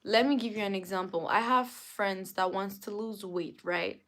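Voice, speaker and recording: Talking right to her chat, a non-native English speaker hosts a relaxed livestream and keeps saying the same phrases over. She has a mid-range, slightly bright voice with a steady tone and normal pace.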